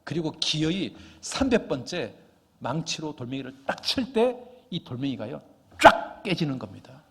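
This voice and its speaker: A man preaching a sermon as pastor, emphatic and repetitive, asking rhetorical questions and sometimes dropping to a hushed near-whisper. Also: a little high, very animated, moderate pace, gravelly, slightly rough.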